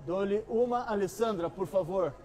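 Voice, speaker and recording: High-pitched Brazilian man calling auction bids. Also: normal speed, darkish tone. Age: middle-aged. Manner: repetitive, coaxing bid-calling. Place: large busy antiques store hall, indoors.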